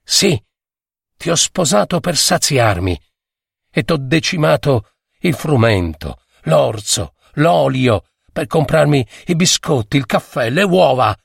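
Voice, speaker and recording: A man's voice: medium pitch, very animated, slow pace, gravelly, husky, no echo, clean studio sound, recorded from a distance, heavily acted. A man voicing a fierce, bitter peasant wife who speaks in a cutting, accusing way. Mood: bitter defiant.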